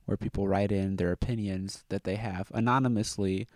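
A man co-hosting a casual comedy podcast, joking around and laughing often, sometimes reading aloud slowly with heavy pauses. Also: on the low side, steady tone, darkish tone, dry recording, studio quality. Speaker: podcast co-host.

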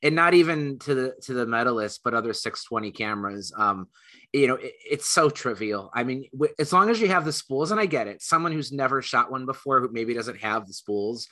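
A man's voice: mid-range voice, animated, a little fast, sharp tone. A man in casual panel chat, knowledgeable and chatty, with lots of fillers. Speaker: podcast panelist.

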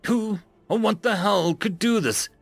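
A man voicing a brisk starship commander in a spoken story, demanding answers. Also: sits high, vocal fry, dry recording, soft background music, voice pushed up, exaggerated voice.

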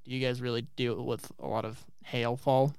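A man's voice: medium pitch, flat delivery, normal speed, a crowd in the background. A man from Colorado hosting a casual spelling-quiz podcast, teasing and laughing often. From Colorado, United States. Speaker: quiz host. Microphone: studio microphone.

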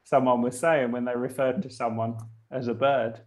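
A man's voice: mid-range voice, little pitch movement, normal speed, darkish tone. A man from England co-hosting a podcast, rambling and laughing between phrases. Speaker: podcast co-host. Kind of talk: casual podcast chat.

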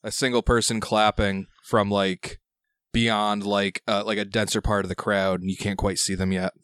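A man working as game master, improvising narration in a halting, conversational way. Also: lowish voice, flat delivery, fairly bright tone, slight background noise. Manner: halting, conversational phrasing with repeated "like".

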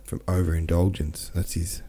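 This host's deep, mellow voice has a breathy edge and a flat delivery at normal speed. On his book podcast he reflects casually on a chapter, reads out what listeners wrote, and then reads from the novel itself.

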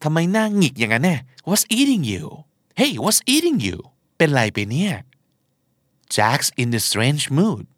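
A young man with a lively, sing-song voice teaches English idioms in Thai, acting out each example line with playful flair. He talks at an unhurried pace, and the recording sounds dry and close. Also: mid-range voice, no echo. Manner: playful, switches between Thai explanation and acted English lines.

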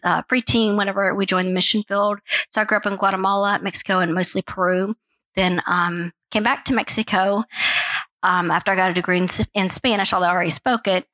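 A woman's voice: medium pitch, poor audio. A woman in her forties with a faint Southern accent, a missionary giving a rambling, good-humored testimony at church, laughing often. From Louisiana, US. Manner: warm, rambling, laughs often, says y'all. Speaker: missionary guest speaker.

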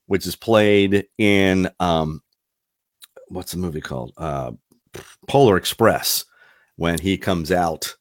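A man's voice: low voice, no room sound, studio quality. A man hosting a casual podcast chat, rambling and wandering off on tangents. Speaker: podcast host.

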